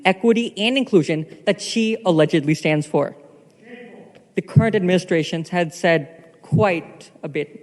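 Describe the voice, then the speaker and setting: A man reading a prepared statement during public comment at a city council meeting, earnest in manner. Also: high-pitched. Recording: long hall reverb.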